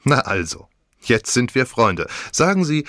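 A cheeky teenage girl with a raised, lively voice that swoops all over the place, as a male narrator puts her on. She teases and dramatizes everything in an audiobook reading. The sound is close and dry. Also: medium pitch, unhurried, dry recording, pitched above the performer's own voice. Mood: teasing. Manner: teasing and theatrical. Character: cheeky, flippant girl of about seventeen.

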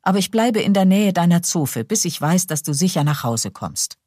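Courteous young gentleman, late twenties, read by a woman in a lowered, dark, husky, soft-spoken audiobook voice. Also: very animated, normal speed, dry recording, clean studio sound.

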